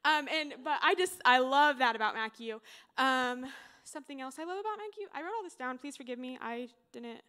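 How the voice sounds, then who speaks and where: A woman's voice: high-pitched, animated, brisk, pushed and bright, smooth. Bubbly nervous young woman speaker. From Oklahoma, USA. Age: young adult. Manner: nervous, bubbly, full of fillers. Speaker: graduating senior speaker. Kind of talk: informal chapel talk.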